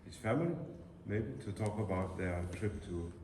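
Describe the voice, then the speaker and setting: A man's voice: low-pitched, lively intonation, normal speed. A man hosting a club meeting, introducing guests in a hesitant way with many fillers. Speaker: meeting host. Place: meeting room. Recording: echoey room, far from the mic, background noise.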